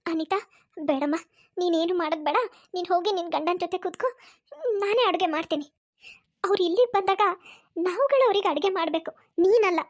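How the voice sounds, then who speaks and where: A woman voicing an older mother-in-law in a cartoon, speaking slowly and reproachfully. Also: very high-pitched. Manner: slower, reproachful.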